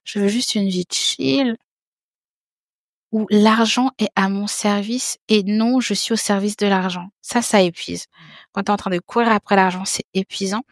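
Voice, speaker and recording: A woman's voice: medium pitch, fairly even intonation, a little slow, no echo. Woman in her thirties, podcast guest, casual frank chat, repeats herself, dry close mic. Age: 30s. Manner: frank, chatty, repeats words and restarts. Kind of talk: casual conversation.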